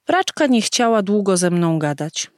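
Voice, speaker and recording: A woman reading a story aloud slowly and expressively, giving the characters' lines their own voices. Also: mid-range voice, very animated, a little mellow, no echo, clean studio sound. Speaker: narrator.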